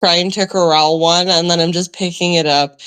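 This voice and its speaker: A woman's voice: lowish voice, steady tone, normal speed, fairly bright tone, clean tone. A woman playing a tabletop role-playing game, rambling and swearing casually with lots of restarts.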